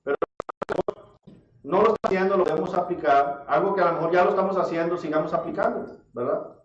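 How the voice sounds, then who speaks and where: A high-pitched man preaches, throwing rhetorical questions at his congregation. He sounds distant from the mic, in a roomy church, on a dull recording with faint hiss. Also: a little fast. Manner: addresses listeners as brother, asks rhetorical questions. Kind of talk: sermon. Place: church hall. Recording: echoey church audio from far off, dull and slightly noisy.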